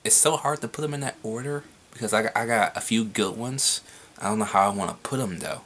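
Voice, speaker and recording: A man's voice: on the low side, brisk, a bit bright. A young man answering viewer questions in a casual vlog, rambling with frequent swearing and laughs.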